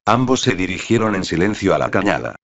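A man narrates an audiobook with steady, even storytelling. His voice sits very low, and the recording sounds dull and lo-fi. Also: fairly quick. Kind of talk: scripted narration.

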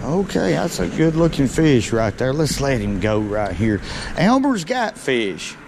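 A man's voice: mid-range voice, a little slow, gravelly. A middle-aged man, giving casual folksy commentary while fishing from a small boat, recorded on a body-worn action camera. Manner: folksy, excitable when fish bite. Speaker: fishing vlogger. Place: small boat on a lake under a bridge, outdoors. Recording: outdoor noise on action cam.

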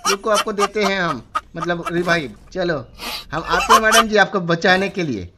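A man's voice: sits high, normal speed. A man gamer pranking a stranger in voice chat, talking in a playful, teasing, flirty way. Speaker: gamer streamer. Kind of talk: prank voice chat in a shooter game. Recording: noisy game-chat audio.

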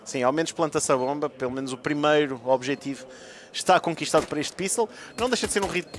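Fairly high-voiced Portuguese male esports analyst. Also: fast. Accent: European Portuguese. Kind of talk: live esports match commentary. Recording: clear noise behind, game ambience.

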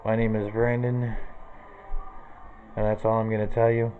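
Rambling young man, tinny lo-fi sound. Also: fairly low pitch. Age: 20s. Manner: rambling, lists objects one by one. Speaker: vlogger. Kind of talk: casual room tour. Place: small cluttered bedroom, indoors. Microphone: handheld camera close to the face.

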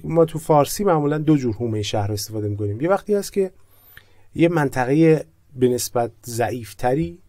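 A man teaching English vocabulary in Persian, saying each word slowly and repeating it before he explains it. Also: mid-range voice, a little mellow, dry recording, studio quality. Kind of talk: vocabulary lesson.

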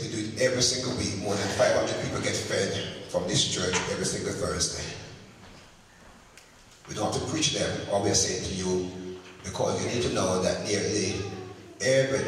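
A middle-aged man preaching a sermon on a handheld mic, calling for answers from the congregation and swinging between loud peaks and low asides. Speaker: pastor. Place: large church sanctuary with a choir behind him. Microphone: handheld microphone. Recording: very echoey, long hall reverb, distant camera mic.

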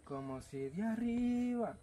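A man's voice: sits high, animated, takes it slowly, a crowd in the background. A man joking and laughing in a casual chat with friends.

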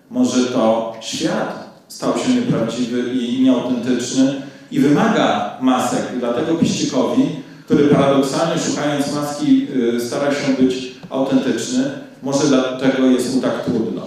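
A man giving a spoken lecture on film as a scholar, measured and reflective with frequent hesitations. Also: medium pitch, darkish tone, recorded from a distance. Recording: very echoey room, voice off-mic.

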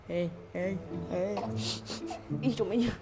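A woman's voice: mid-range voice, slow pace. A young woman with a Malaysian Malay accent, a mother chatting casually in a family vlog and soothing her baby. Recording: music playing over the talk.

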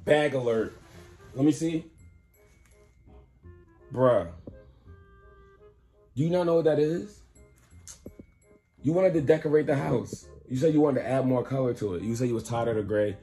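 A man's voice: mid-range voice, normal speed, pauses often, dark tone, faint music behind. A man casually teasing his girlfriend at home with playful, insistent slang during a prank. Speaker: prankster boyfriend, channel host. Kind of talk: casual prank vlog banter. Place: home, indoors.

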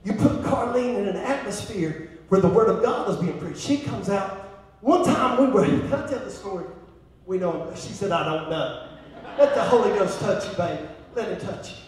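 A man with a Southern American accent preaching a sermon as pastor, swinging from hushed asides to shouting calls to the congregation. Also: sits high, animated, normal speed, a little hiss or hum. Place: church sanctuary. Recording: echoey church hall from far off.

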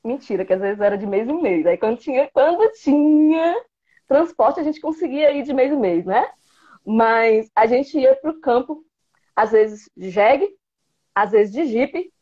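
Chatting playfully and gesturing a lot, a woman in her thirties with an interior Bahia Brazilian Portuguese accent sits for a casual video-call interview in a small room. The biology teacher's slightly high voice is expressive, a little slow and dark-toned with a breathy edge. Her earphone headset mic makes the audio slightly dull.

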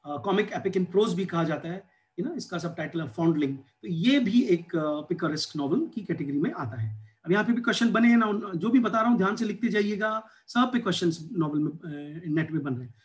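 Preparing students for exams, an Indian man with a high voice lectures on English literature, mixing Hindi and English. His Indian accent is clear, and fillers crop up often.

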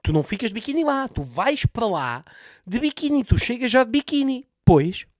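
A man's voice: very high voice, sing-song, brisk, slight background noise. A man with a Lisbon Portuguese accent doing a comedic recap of a TV series, sarcastic and full of swearing. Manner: sarcastic, swears a lot, mocks the scenes.

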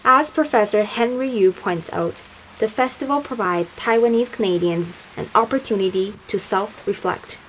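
A woman reading scripted documentary narration in a measured, even way. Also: medium pitch, slight background noise, low-quality recording. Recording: voice-over with loud music behind.

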